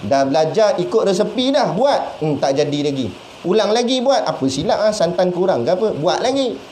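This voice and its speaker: A man preaching in a lively, chatty manner with a Malaysian Malay accent, his voice sitting a little high. He throws out questions and acts out small voices as he goes. The room is echoey, with a faint hiss underneath. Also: a little fast. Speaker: religious teacher. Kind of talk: sermon.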